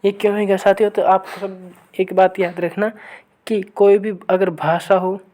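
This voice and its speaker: A woman leads an online exam-prep grammar lesson, repeatedly asking viewers for the right answer and reading every example sentence slowly, then a second time. Her mid-range voice is mellow, and her delivery stays flat.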